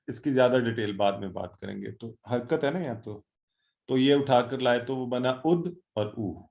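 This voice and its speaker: A man teaching an online Quran class, encouraging students and drilling words slowly. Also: medium pitch, creaky, a little mellow.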